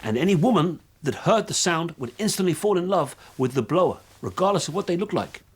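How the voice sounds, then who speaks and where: An actor playing a vain, oblivious rock musician, talking in a deadpan, rambling way full of little fillers. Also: male voice, fairly high pitch, brisk, breathy edge. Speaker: aging rock star. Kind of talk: mockumentary monologue.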